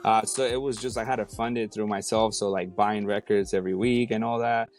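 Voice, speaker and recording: A man's voice: lowish voice, steady tone, brisk, darkish tone. A man in his thirties from Mexico City, a DJ and rapper talking casually as an interview guest, with many fillers and restarts.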